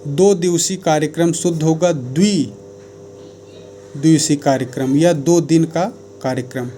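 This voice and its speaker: Man, mellow and fairly high voice, steady teacher correcting sentences, faint noise behind. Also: a little slow. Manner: methodical, corrects sentences one by one. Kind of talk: grammar lesson.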